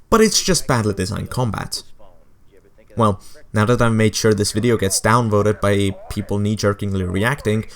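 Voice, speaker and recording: A young adult man narrating a video game essay with sarcastic, wry asides. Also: lowish voice. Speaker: game commentator.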